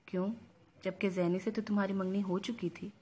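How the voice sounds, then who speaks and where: A woman's voice: medium pitch, little pitch movement, warm tone, slightly rough, lightly acted. A woman reading a bitter, defiant young wife. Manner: bitter, cutting retorts. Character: proud sharp-tongued young wife.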